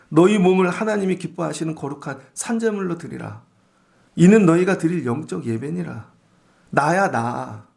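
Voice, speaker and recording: A middle-aged man preaching a dawn service sermon in a high, gravelly voice. His pitch swings widely as he talks in an everyday way. He acts out the words of churchgoers along the way. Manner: animated, colloquial preaching with acted-out quotes. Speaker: pastor.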